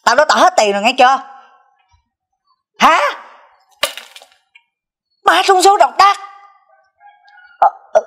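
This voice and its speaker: An actress playing a quarrelsome, dramatic daughter in a comic family melodrama, shrill and scolding. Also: female voice, big pitch swings, slow, long pauses, fairly bright tone, full character voice.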